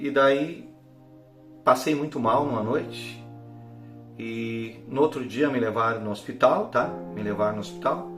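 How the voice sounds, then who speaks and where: A man giving an emotional church testimony, dropping to a hush and then rising to near-shouts. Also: medium pitch. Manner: fervent, swings from hushed to near-shouting. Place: church hall. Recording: echoey hall with faint instrument.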